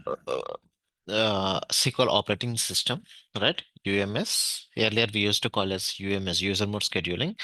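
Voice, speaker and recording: Bright-voiced Indian man teaching a tech class. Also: lowish voice, no room sound. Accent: Indian English. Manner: explains step by step, checks in with "right?", many fillers. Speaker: database administration trainer. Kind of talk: online technical class.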